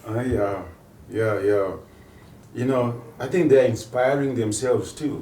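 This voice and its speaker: Soft-spoken guy with a dark mellow voice, kinda far off in an echoey room. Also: medium pitch, moderate pace, a little hiss or hum. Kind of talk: casual chat. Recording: echoey, from a distance.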